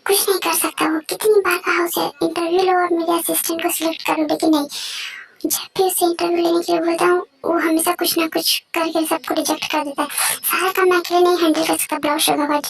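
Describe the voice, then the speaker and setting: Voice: extremely high pitch, level tone, brisk, creaky, a bit bright, faint music behind, exaggerated voice. A performer voicing a middle-aged businessman father who scolds and complains about his son. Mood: grumbling.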